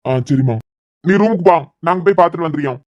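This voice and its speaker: Stern cartoon elder voiced by a woman, quick curt delivery, dry close sound, Kanyakumari accent. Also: on the low side, a little mellow, no echo, lo-fi sound, lightly acted. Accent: Kanyakumari Tamil. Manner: curt, telling others to shut up. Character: protective elder of the family, stern. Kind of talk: cartoon serial voice acting.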